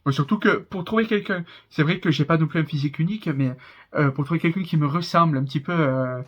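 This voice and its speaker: A man's voice: fairly high pitch, fast, dull audio. A man in his twenties with a southern French accent, chatting casually and rambling in a reaction commentary, laughing often. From southern France. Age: 20s. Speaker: reaction YouTuber.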